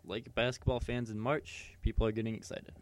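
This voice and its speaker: A man's voice: on the low side, level tone, a little fast. A man co-hosting a podcast in casual sports chat, rambling with many fillers and restarts. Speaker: podcast co-host.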